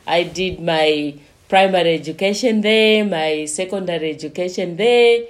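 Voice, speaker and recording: A woman from Zambia, a lodge manager, talking slowly with many pauses as a guest in a remote interview. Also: fairly low pitch. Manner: slow, unhurried, with frequent pauses.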